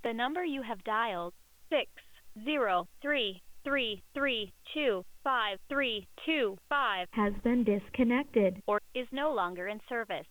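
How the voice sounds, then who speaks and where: Recorded phone message: female voice, slow measured formal delivery, slightly high, dry and tinny over the line. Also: a bit bright, dry recording. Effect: recorded phone disconnection message. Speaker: telephone company recording. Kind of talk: automated service announcement.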